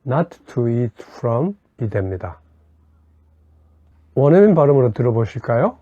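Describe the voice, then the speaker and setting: A man teaching English grammar step by step and leading slow repetition drills. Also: mid-range voice, big pitch swings, dry recording. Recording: dull lo-fi dry recording.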